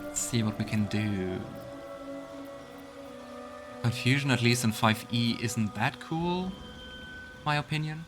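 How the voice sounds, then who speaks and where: With video game music in the background, a man narrates a let's play in a relaxed way, musing aloud and reading on-screen text. His voice is medium-pitched, and he speaks slowly with long pauses.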